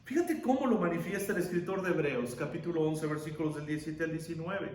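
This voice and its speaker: A male pastor preaching a sermon, asking rhetorical questions and pausing for effect. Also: a little high, roomy sound, a little hiss or hum.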